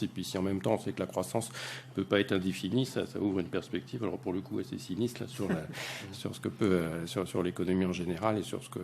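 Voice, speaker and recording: A man on a lecture panel answering a question, explaining quickly with frequent restarts. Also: sits low, creaky, a little mellow, slight background noise. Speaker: economist panelist.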